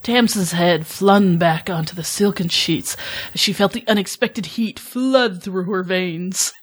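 Giggly and self-conscious, this woman co-hosts a podcast where she chats casually and narrates amateur fan fiction. She speaks on the low side and a little slowly.

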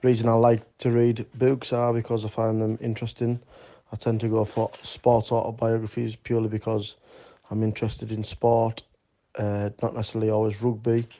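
A man's voice: fairly low pitch, mellow. A man who plays amateur rugby league, introducing himself and his reading in a matter-of-fact way. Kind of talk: introducing himself for school radio.

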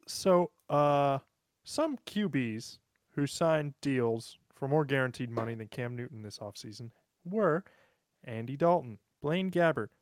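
This American podcast co-host keeps things casual and jokey, listing off sports names in a medium-pitched, expressive voice at a measured pace. The recording is dry, clean studio audio.

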